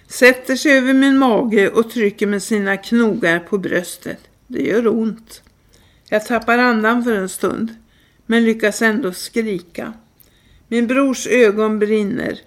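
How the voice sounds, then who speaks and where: A woman reads a first-person memoir aloud with a calm, even storytelling manner. Her voice sits somewhat high for a woman. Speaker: reader.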